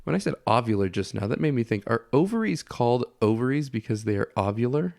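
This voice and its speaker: A man's voice: mid-range voice, animated, quick pace, gravelly, a little mellow, no echo, clean studio sound. A man hosting a casual podcast, sounding nasal and congested from a head cold that blocks his nose. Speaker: podcast host.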